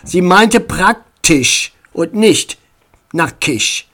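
A man voicing a sensible, sharp mother in a storybook reading, brisk and firm. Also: high voice, lively intonation, heavily acted.

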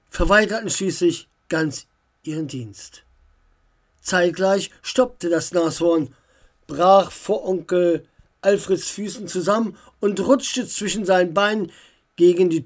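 A storyteller reading a children's fantasy story aloud, slowly and calmly. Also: medium pitch.

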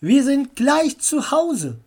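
A woman's voice: sits high, very animated, slow, a little mellow, voice pushed up, exaggerated voice. A woman voicing a fussing mother in a read-aloud children's story. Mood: firm.

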